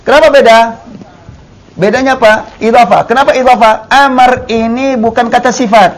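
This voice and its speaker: A man's voice: extremely high pitch, steady tone, normal speed. A man with an Indonesian accent teaching Arabic grammar, repeating key terms and drawing out the words he demonstrates. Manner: explains patiently, repeats key terms, drawls the words he models. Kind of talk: classroom grammar lesson.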